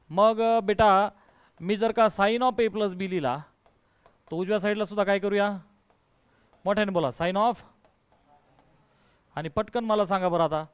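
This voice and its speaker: A man's voice: high voice, smooth, dry recording. A male math teacher giving a call-and-response lesson, coaxing and quizzing his students and mixing in English terms. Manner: coaxing, quizzes students, calls them dear.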